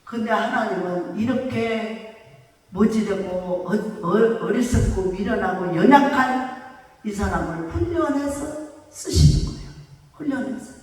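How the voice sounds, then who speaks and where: An older woman pastor preaching a sermon, emphatic and conversational, at times rising to shouts and drawing call-and-response from her congregation. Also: medium pitch, a little slow. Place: church sanctuary. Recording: echoey church hall, voice from far off.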